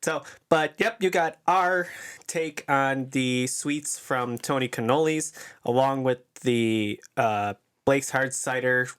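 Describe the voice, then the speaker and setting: A young man co-hosting a casual podcast chat. He speaks at an ordinary middle pitch in a laid-back, halting way, pausing and filling gaps as he goes. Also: a bit bright, clear, resonant tone. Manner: laid-back, hesitant with many fillers. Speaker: podcast co-host.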